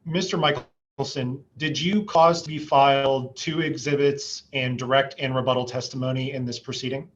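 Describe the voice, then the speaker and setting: Man, attorney, formal measured questioning, choppy breaking-up video call, muffled lo-fi audio. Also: mid-range voice, steady tone, a bit bright, slight background noise. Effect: choppy, laggy video-call audio that breaks up. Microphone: computer mic on a video call.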